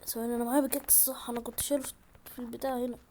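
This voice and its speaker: A woman with an Egyptian accent giving excitable, chatty gameplay commentary to her viewers from a room at home. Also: on the high side, racing, a little hiss or hum. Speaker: gaming YouTuber.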